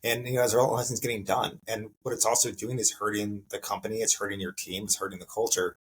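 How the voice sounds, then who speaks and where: A man's voice: lowish voice, flat delivery, fast, slight background noise, poor audio. A man hosting a casual interview podcast, talking conversationally, repeating himself and using many "like" fillers. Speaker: podcast host.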